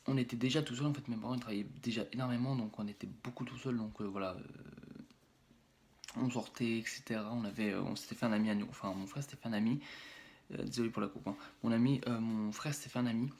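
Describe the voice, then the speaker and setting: Rambling young French YouTuber telling a story. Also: male voice, mid-range voice, steady tone, fast, a little mellow, slight background noise. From France. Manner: rambling, many fillers and restarts, acts out hits with sound words. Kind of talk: casual storytelling vlog.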